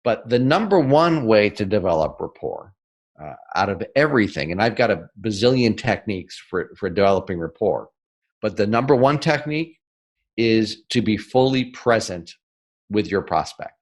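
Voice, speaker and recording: A lowish-voiced man from the northern United States is a guest on an interview podcast, teaching how sales works. He speaks with energy and emphasis, asks "right?" again and again, and changes speed to make things stick.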